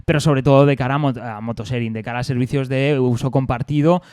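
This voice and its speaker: A man's voice: medium pitch, fairly even intonation, fast talker, darkish tone, smooth, no echo. A man co-hosting a casual chat about cars and motorbikes, explaining things patiently with many fillers and restarts. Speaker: co-host, motorcycle expert.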